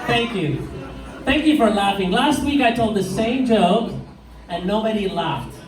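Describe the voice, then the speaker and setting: On a pub stage before a live audience, an Iraqi man in middle age does stand-up in a high-pitched, Iraqi-accented voice. His style is deadpan one-liners with slow punchlines. Crowd noise is audible, and the echoey room makes the mic sound far away.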